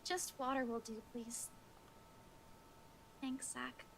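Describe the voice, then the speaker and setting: Woman playing a high-voiced, timid, shaken young woman. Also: flat delivery, gravelly, fairly bright tone, a little hiss or hum, heavily acted, poor audio. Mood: subdued, polite. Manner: hesitant, halting, apologetic. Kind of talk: amateur visual novel voice acting on a livestream.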